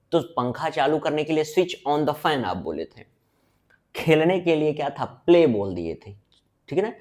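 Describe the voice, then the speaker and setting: A male teacher gives a blackboard-style grammar lesson in a voice of ordinary, middling pitch. He keeps asking his listeners questions and answering them himself, repeating each answer. He slows right down and stretches out each example sentence. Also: darkish tone. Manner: drawn-out emphasis on example sentences. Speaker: English teacher.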